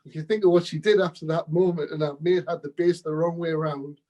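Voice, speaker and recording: A man's voice: on the high side, fairly even intonation, fast, dark tone, dull audio. A man being interviewed, telling rambling anecdotes about his music days with laughs and quotes. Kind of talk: casual storytelling interview.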